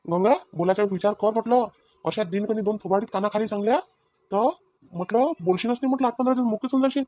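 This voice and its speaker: Cartoon: fed-up village husband, a man voicing him, high and fast, Vidarbha Marathi accent. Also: warm tone, dry recording. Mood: arguing. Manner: arguing, threatening. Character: exasperated village husband, firm and loyal. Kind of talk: cartoon family comedy.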